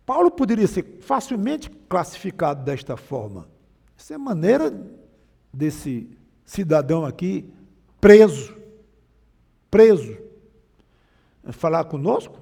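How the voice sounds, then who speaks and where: A man's voice: on the high side, big pitch swings, a little slow, creaky, a little mellow, husky, big-room sound. A man preaching a sermon with a Brazilian Portuguese accent, emphatic, often shifting his volume and pace. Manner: emphatic, varies volume and pace, mimics mocking voices.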